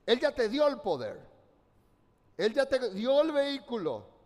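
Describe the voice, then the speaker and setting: Male pastor, strikingly high voice, fervent sermon, long hall reverb. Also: big pitch swings, unhurried, a little mellow. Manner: fervent, commanding, calls for congregation responses. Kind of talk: preaching a sermon.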